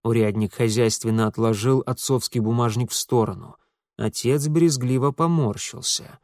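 A man narrating a novel as an audiobook, in a measured storytelling manner. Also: medium pitch, darkish tone, no echo, clean studio sound. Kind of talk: scripted narration.

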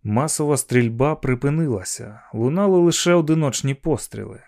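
A man reading a novel aloud as an audiobook narrator, in a steady, measured manner. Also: medium pitch, creaky. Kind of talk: scripted narration.

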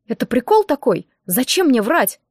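A woman's voice: high voice, very animated, moderate pace, a little mellow, dry recording, clean studio sound. A woman voicing an anxious eighteen-year-old girl student who asks blunt, demanding questions.

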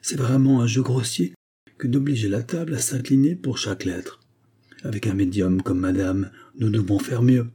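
A man reading an audiobook, voicing an excited Frenchman leading a séance. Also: medium pitch, moderate pace, slightly rough. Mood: eager. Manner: eager and enthusiastic.

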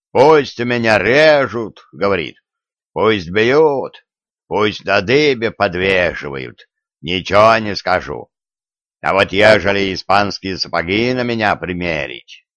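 A man's voice: sits low, fairly bright tone, no echo, heavily acted. A man voicing a zealous, fawning male executioner in an audiobook, talking in an eager, pleading, servile way. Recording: dull, dry lo-fi recording.

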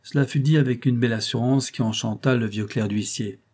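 Male narrator, measured reading, mellow husky tone. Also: mid-range voice, steady tone. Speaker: audiobook narrator. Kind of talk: scripted narration of a classic novel.

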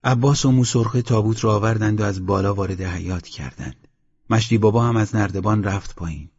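A man narrating an audiobook story in a steady, measured way, on a dull lo-fi recording. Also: on the low side, slightly rough. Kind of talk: scripted narration.

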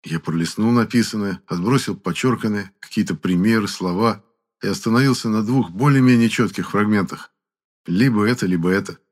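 A man with a very low voice reads an audiobook in the first person. His delivery is wry and even-paced, the steady style of a storyteller. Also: brisk. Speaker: audiobook narrator.

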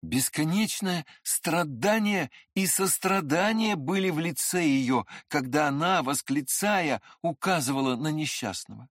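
A reader narrating a classic novel in expressive, scripted audiobook style. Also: medium pitch, a little slow, hardly any pauses, dry recording, studio quality.

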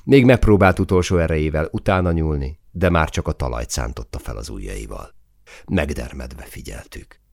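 A man reading a first-person audiobook in a tense manner, rising to shouts in the dialogue. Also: very deep voice, animated, creaky, no room sound, clean studio sound. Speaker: audiobook narrator.

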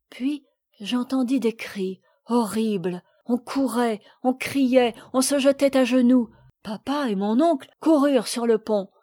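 A woman reading the part of a little girl who sadly recounts a shipwreck, in a gentle, measured voice. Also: a little high. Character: little girl recalling a shipwreck, sad and earnest. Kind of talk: audiobook reading.

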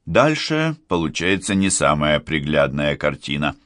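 Male audiobook narrator, deep voice, animated intonation, dry close sound. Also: a little slow, dry recording. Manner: expressive, lively reading. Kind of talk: scripted novel narration.

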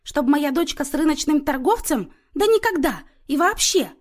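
A bossy, blunt mother, as a woman reader puts her on in an audiobook, loud and indignant, her voice leaping high and swinging widely. She scolds and meddles in every line. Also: very animated, brisk. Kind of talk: audiobook character voice.

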